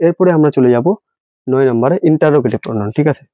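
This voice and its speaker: In a classroom-style grammar lesson, a mid-range male voice delivers rapid-fire English instruction, spelling out words one letter at a time. He asks his students rhetorical questions, and the audio is dry, dull and lo-fi.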